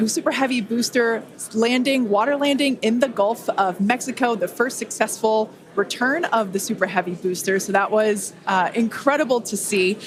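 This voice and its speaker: A woman hosting a live launch webcast, explaining the flight in a clear, upbeat way. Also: a little high.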